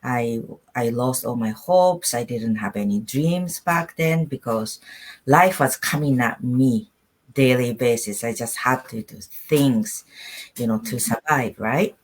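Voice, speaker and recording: Telling her own story at a measured pace, a middle-aged woman from Japan speaks English in a low voice during an online interview. Her manner is conversational, and she repeats words to stress them.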